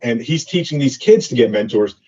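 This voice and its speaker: Warm and animated, this male voice sits at a medium pitch and moves briskly. He's an entrepreneur guest in a casual interview, spinning loose business stories packed with fillers, captured on dull lo-fi audio.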